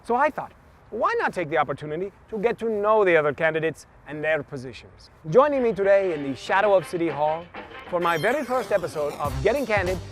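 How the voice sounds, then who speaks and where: A man's voice: high-pitched, big pitch swings, a little fast, soft background music. Upbeat man hosting an outdoor chat. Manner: upbeat, warm-hearted praise of his guest. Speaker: interview host, mayoral candidate. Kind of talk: casual interview. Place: outdoors in a city near traffic.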